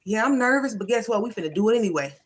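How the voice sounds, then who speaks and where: A woman's voice: a little high, animated, rapid-fire. Woman, livestream host, motivational talk, casual, emphatic, folksy.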